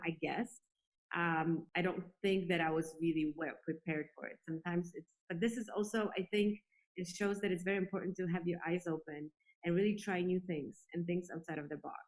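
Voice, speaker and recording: A woman from Poland, a space industry executive, is a guest in a conversational interview, giving earnest, reflective answers. Her voice has a fairly low pitch, and the audio is poor.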